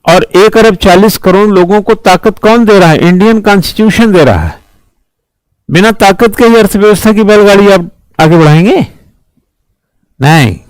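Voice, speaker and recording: A man's voice: sits high, lively intonation, normal speed, dry recording, poor audio. A man teaching a civil services exam class, lecturing emphatically with rhetorical questions and repeated phrases.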